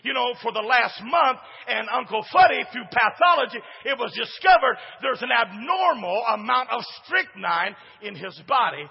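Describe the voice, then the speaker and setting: With lively intonation and hardly a pause, a male pastor preaches a sermon at normal speed in a church sanctuary. His voice is big and booming with a high-pitched, husky quality, moving from hushed asides to shouts that prompt the congregation. The recording sounds muffled and dull, with long trailing reverb.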